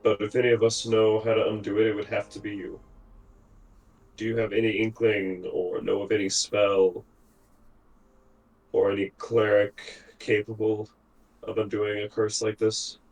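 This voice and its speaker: A man with a sick, hoarse voice playing a weary man in a tabletop game, speaking slowly and gravely from a distance off the mic. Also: on the low side, little pitch movement, a little mellow, lightly acted.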